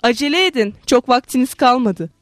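A wounded young man speaks with quiet, steady resignation, as a woman narrator reads him. The voice sits fairly high. The sound is dry and close. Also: brisk, no room sound. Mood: calm. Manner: calm, steady.

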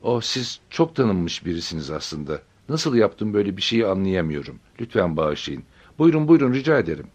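A man's voice: sits low, big pitch swings, brisk, few pauses, warm tone, slightly rough, heavily acted. A man voicing a flustered bank teller who stammers apologies and hurries to please. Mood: flustered apologetic. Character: flustered middle-aged male bank teller.

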